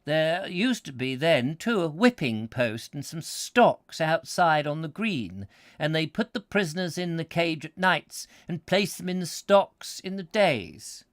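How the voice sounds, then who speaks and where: A man voicing a simple, good-natured English villager who speaks slowly in a rustic dialect, in a storybook reading. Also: on the high side, lively intonation, a bit bright, no echo, clean studio sound, pitched above the performer's own voice. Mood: folksy, matter-of-fact. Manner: slow rustic dialect, cheerful and matter-of-fact.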